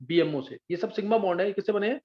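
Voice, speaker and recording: A man's voice: high voice, fast talker. A man teaching chemistry in a live class, patiently explaining step by step and often checking whether his students follow. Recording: dull lo-fi sound.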